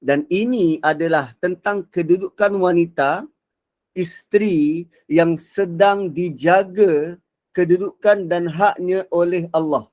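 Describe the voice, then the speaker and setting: A man giving a Quran reflection lecture. He is expressive and swings between soft and loud delivery. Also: high-pitched, slow. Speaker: religious teacher.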